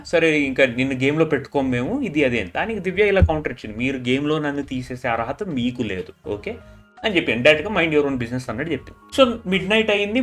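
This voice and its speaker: A man's voice: fairly high pitch, fairly bright tone. A man with a slightly raised voice and a Telugu accent talks through a reality show episode in casual chat. He switches easily between Telugu and English and keeps saying "literally." Faint music runs underneath him. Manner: mixes English into Telugu, repeats "literally" often, retells quarrels in quoted lines.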